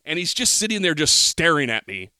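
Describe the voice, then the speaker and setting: A man's voice: on the high side, big pitch swings, fairly quick, pushed and bright, no echo, clean studio sound. A middle-aged man, telling a rambling, profane story as a podcast co-host. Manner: rambling, profane, exaggerated rants. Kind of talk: casual chat, storytelling.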